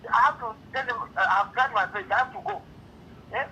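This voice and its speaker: A man's voice: high voice, fast, sharp tone, a little hiss or hum. A man talking on a phone call heard through a speakerphone, so his voice comes over a clipped phone line. He is an official explaining a delay, and he keeps repeating himself and asking rhetorical questions. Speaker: official handling an impounded car.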